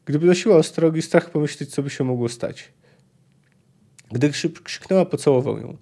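A man's voice: a little high, moderate pace, vocal fry, dark tone. A man hosting a book podcast, reading passages aloud and adding chatty asides with hesitant fillers. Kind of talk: reading aloud and commenting on a novel.

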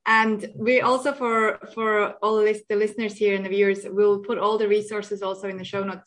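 A woman's voice: medium pitch, a bit bright. A woman hosting a podcast interview, thinking aloud as she frames her questions. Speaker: podcast host.

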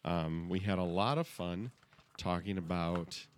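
A man's voice: low voice, a little slow. A man hosting a casual comedy podcast, talking in a playful, exclamatory way. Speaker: podcast host.

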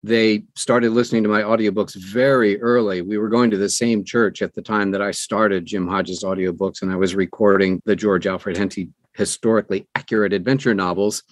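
This podcast guest is a middle-aged American audiobook narrator with a fairly low voice, fairly even intonation and a brisk pace with few pauses, recorded with no echo. He answers conversationally, earnest and emphatic, telling anecdotes as he explains.

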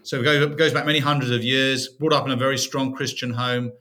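A middle-aged British man from the UK, with a mid-range voice, speaks fairly quickly in a level yet sharp tone. As a podcast guest, he reflectively shares his faith story as a personal testimony in an interview.

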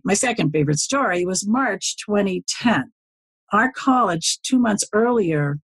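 A woman's voice: on the low side, breathy edge, no room sound. A woman in her seventies, a podcast guest, telling stories in a rambling, folksy way with many asides. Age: 70s. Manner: rambling, folksy, often circles back with asides. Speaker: podcast guest, social media consultant. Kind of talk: casual storytelling interview.

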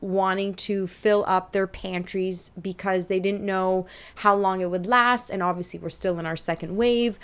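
Female dietitian co-hosting a podcast from a basement. Crisp mid-range voice, informal conversational delivery. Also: mid-range voice, fairly even intonation, normal speed, few pauses. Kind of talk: casual podcast chat. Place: indoors in a basement, not a studio.

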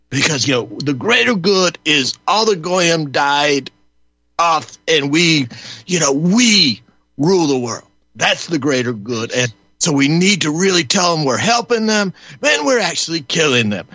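A man's voice: on the high side, sharp tone, dry recording, heavily acted. A man voicing a rambling, scheming middle-aged male conspirator who fills his talk with "you know.". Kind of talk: comedic call-in role-play.

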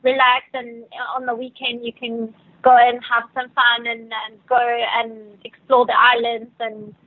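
She talks at a measured pace in a flat, rather high voice, with no room sound on the dry, tinny phone recording. Originally from Venezuela and a native Spanish speaker, this yacht crew guest has a South African accent in English and responds to interview questions haltingly, with lots of fillers and false starts.

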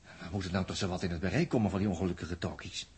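Jaap, a gruff, impatient crewman. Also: low-pitched, fairly even intonation, racing, a little mellow. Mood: brusque. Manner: brusque, teasing, dismissive. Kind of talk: vintage radio drama acting.

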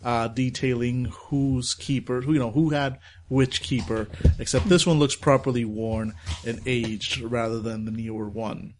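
Man running a tabletop game, relaxed. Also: mid-range voice, measured pace, noisy background. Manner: relaxed, explains rules with filler words. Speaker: game master.

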